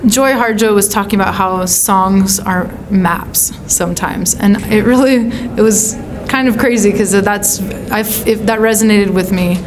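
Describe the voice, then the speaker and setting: A woman's voice: mid-range voice, fairly even intonation, unhurried, hardly any pauses, crowd noise. An American woman from California answering as an interviewed songwriter, in a casual, thoughtful style with searching phrasing. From California, United States.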